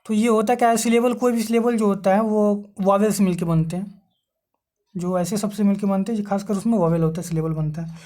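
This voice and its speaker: A woman's voice: medium pitch, fairly even intonation, brisk, mellow. A woman giving an online exam-prep grammar lecture as a teacher. She keeps asking rhetorical questions and answering them herself, and spells words out letter by letter.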